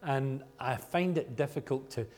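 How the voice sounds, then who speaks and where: A Scottish man giving an informal sermon as a guest speaker, loud, chatty and self-deprecating as he tells stories from his own life. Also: mid-range voice, a little slow. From Scotland. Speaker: guest speaker at a church gathering.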